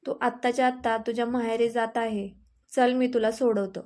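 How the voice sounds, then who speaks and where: A stern young farmer husband scolds in a raised voice, as a woman reads him in a storybook. His voice sits fairly high and stays flat in tone, hurt but unbending. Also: moderate pace, close to an everyday voice. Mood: angry. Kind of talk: storybook reading.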